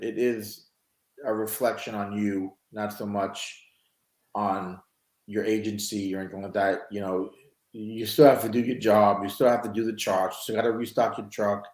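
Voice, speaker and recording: Chatty man in a roomy room. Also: fairly low pitch. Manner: conversational, with frequent "you know" and restarts. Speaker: podcast host. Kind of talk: casual chat. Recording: roomy echo.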